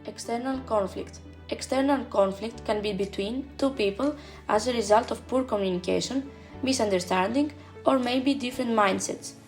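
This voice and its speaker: A woman reads a seminar presentation aloud, stepping evenly through lists of points. Her voice sits a little high, with quiet background music under it. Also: normal speed. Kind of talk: read slide narration. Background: faint background music.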